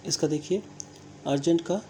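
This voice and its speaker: A teacher with an Indian English accent explaining English grammar step by step, talking slowly and deliberately, spelling words out letter by letter and often checking understanding. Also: mid-range voice, mellow, a little hiss or hum. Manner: slow, deliberate, checks understanding with frequent "theek hai". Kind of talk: recorded classroom-style grammar lesson.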